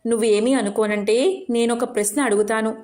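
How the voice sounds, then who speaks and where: A woman's voice: a little high, fairly even intonation, normal speed, darkish tone, natural voice. Woman voicing a wise teasing male sage. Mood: coaxing. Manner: coaxing, cautioning.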